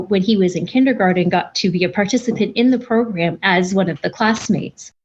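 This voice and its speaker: A woman who is both a teacher and a parent gives earnest, reflective answers in an interview. Her voice sits at a middle pitch. The recording sounds dull and lo-fi. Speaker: educator and parent guest.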